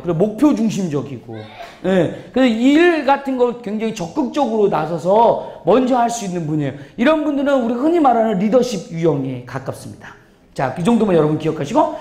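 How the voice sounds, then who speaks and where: A man giving a lively church seminar lecture, playful, acting out examples in funny voices and laughing often. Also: very high-pitched. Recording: echoey hall.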